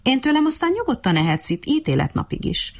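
A woman's voice: high voice, sing-song, voice pushed up, heavily acted. A woman voicing a small, proud and stubborn ant who talks back, offended and determined. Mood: indignant.

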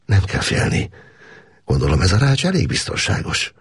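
A man reading an audiobook, voicing a lonely, nervous man who speaks quietly and tenderly. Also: deep voice, huge pitch swings, husky, no room sound, clean studio sound, pitched above the performer's own voice, full character voice. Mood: soft. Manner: quiet, soft-spoken.

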